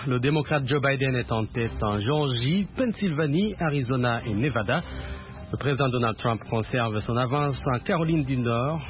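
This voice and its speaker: A man anchoring a scripted breaking news special bulletin on the radio. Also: medium pitch. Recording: slightly dull radio broadcast sound.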